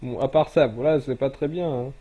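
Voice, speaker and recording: A man's voice: medium pitch, normal speed, mellow, breathy edge, lo-fi sound. A man streaming a game over voice chat, mockingly lecturing a player like a stern parent. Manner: teasing, mock-parental. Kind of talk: casual gaming stream chat.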